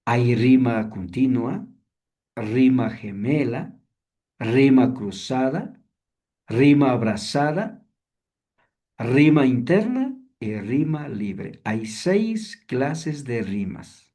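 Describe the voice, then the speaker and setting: Slow, lively male seminary teacher. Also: mid-range voice. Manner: explains slowly with frequent rhetorical questions. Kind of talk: online class lecture on songwriting.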